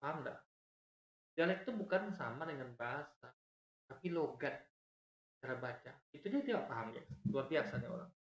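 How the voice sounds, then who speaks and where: A man giving argumentative reaction commentary, explaining points over and over and swinging his pitch up and down as he talks. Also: expressive, moderate pace, pauses often, reverberant.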